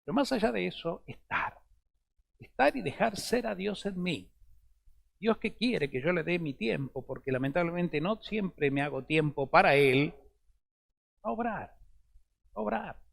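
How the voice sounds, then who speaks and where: A man with a Rioplatense Spanish accent, a priest giving an earnest sermon in short phrases that drop soft for intimate passages. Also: on the high side, expressive, moderate pace, vocal fry.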